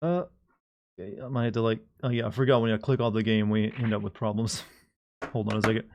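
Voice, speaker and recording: A man's voice: fairly low pitch, steady tone, fairly quick, gravelly, highs cut off. A man giving casual gameplay commentary as a streamer, rambling along in a wry way. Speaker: game streamer.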